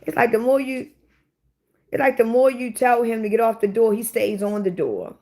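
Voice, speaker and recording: Her voice is a little high and slightly mellow, moving at normal speed. She's a livestream host in her forties, casually chatting with viewers and firing back at commenters in a blunt, profane way.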